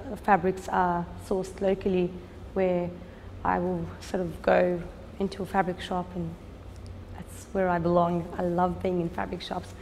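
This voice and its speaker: A woman in her thirties talks about her work in an interview, earnest and unhurried, often pausing on "um". Her voice sits mid-range, and the room has a long reverb with faint background noise. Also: medium pitch, darkish tone. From Australia. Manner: earnest, unhurried, with frequent "um" pauses. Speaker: fashion designer and business owner. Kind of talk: documentary interview.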